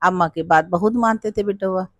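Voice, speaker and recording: A storyteller tells a devotional folk tale in a homely, rustic manner, sprinkling in village dialect words. The pitch sits in the middle range. The recording is close and dry, with no room sound. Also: normal speed, dry recording.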